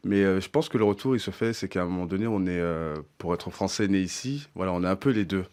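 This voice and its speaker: Fast-talking deep-voiced man from France. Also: darkish tone. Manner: quick, casual, says "ouais" often. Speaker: chef and entrepreneur. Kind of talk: radio interview guest. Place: radio studio.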